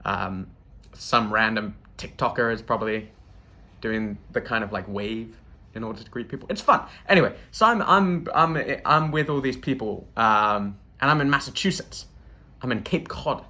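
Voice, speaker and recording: A man's voice: lowish voice, moderate pace. Rambling British man telling comic stories. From Britain. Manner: rambling, self-interrupting, deadpan asides. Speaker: comedian host. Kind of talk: stand-up storytelling.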